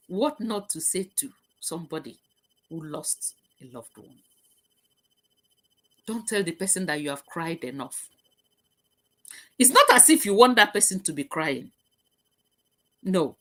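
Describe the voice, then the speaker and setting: A woman's voice: on the low side, a bit bright, husky. A woman hosting a live talk show, reading out viewer comments and stressing points by repeating them. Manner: emphatic, repeats key phrases.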